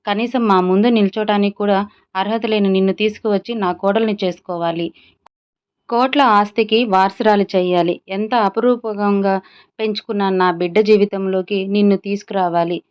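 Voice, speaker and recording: A woman's voice: medium pitch, steady tone, normal speed, smooth, lightly acted. A woman voicing a proud, angry wealthy mother who scolds with contempt, in a slightly dull lo-fi recording. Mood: scornful.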